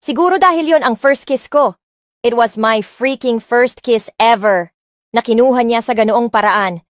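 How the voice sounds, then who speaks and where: An audiobook narrator tells a first-person romance story with lots of expression, moving freely between Tagalog and English phrases. Her voice sits on the high side and moves at a moderate pace. It's clean studio sound without echo, with music playing underneath.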